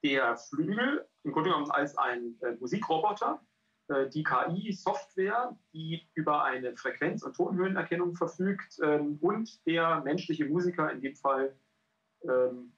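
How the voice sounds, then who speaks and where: A middle-aged man presenting a research project over a video call, halting and full of filler sounds. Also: fairly high pitch, fairly bright tone. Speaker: cultural scientist and pianist presenting a research project. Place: indoor room. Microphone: headset on a video call. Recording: dull lo-fi call audio.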